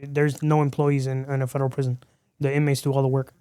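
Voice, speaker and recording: A man from Miami, Florida speaks in a mid-range voice, fast and smooth, with clean studio-quality sound and no room echo. He's a podcast guest telling his story in a casual interview, an animated storyteller who acts out quoted dialogue as he goes.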